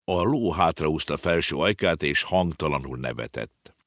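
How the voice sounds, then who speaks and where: A man narrating a children's story with expressive storytelling. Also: extremely low pitch, no echo, clean studio sound. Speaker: audiobook narrator. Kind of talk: scripted narration.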